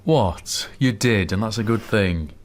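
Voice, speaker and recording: With a lowish, natural voice, a male actor takes the role of a greying, middle-aged husband and father in a radio drama. His dry, wry grumbling shifts into brisk enthusiasm once he's inspired and rallies his family behind a plan.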